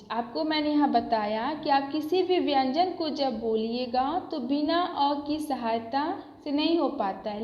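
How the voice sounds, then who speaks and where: A woman teacher patiently explaining a grammar lesson to young children, repeating each point. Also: high voice. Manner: patient, repetitive, addresses children directly. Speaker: school teacher. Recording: echoey room, dull lo-fi sound.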